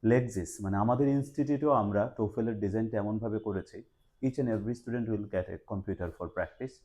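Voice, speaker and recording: Low, mellow Bangladeshi man hosting. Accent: Bangladeshi Bengali. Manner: talks in a relaxed mix of Bengali and English, with frequent "ah" fillers. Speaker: host and TOEFL instructor. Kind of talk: promotional interview for a language institute.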